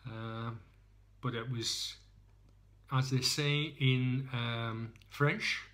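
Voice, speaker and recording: Drawing out his words in a steady, fairly bright mid-range voice, an Englishman rambles casually through a beer tasting. The beer reviewer is self-mocking and chatty, filmed indoors on a handheld phone.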